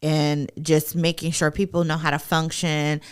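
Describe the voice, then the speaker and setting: Low-voiced encouraging woman host. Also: level tone, a little slow, smooth. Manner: encouraging, affirming. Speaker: podcast host. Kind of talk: podcast interview.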